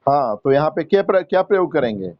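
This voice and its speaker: A man teaching English grammar to students, slow and patient, repeating words and quizzing the class. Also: fairly high pitch, very animated, no echo, highs cut off. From India. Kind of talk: Hindi-English grammar lesson.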